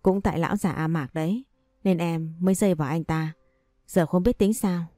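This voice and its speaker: A woman's voice: lowish voice, moderate pace, mellow, no echo, studio quality, faint music behind, close to an everyday voice. A woman reading the lines of a troubled, guarded young woman in an audio story. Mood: resigned.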